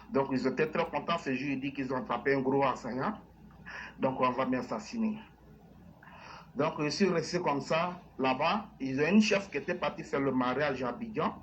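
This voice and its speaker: Ivorian man, halting English-tinged French accent, lo-fi. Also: medium pitch. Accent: Ivorian French with an English-sounding tinge. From Man, western Côte d'Ivoire. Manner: halting, repeats phrases. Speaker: caller to a live show. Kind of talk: personal testimony in halting, informal French. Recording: dull lo-fi call, faint noise.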